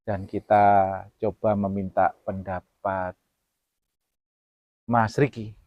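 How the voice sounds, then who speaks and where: A man hosting a talk show, addressing viewers earnestly and solemnly, his voice swinging between loud emphasis and soft asides. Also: fairly low pitch, flat delivery, slow pace, no echo, dull audio. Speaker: host.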